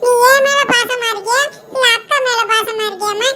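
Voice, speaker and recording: Cartoon little sister, tearful and sulky, Tirunelveli Tamil, squeaky bright tone, voiced by a performer. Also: brisk, soft background music, exaggerated voice. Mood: hurt, tearful. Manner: whiny, tearful pleading. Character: young crying little girl, sulky. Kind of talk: homemade cartoon dubbing.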